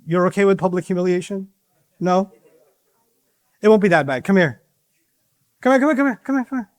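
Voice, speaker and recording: Playful man teaching kids in a mosque, high voice, dry close sound. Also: animated, brisk, no echo. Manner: playful, teasing, acts out dialogue. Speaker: teacher of young audience. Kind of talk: interactive religious lesson.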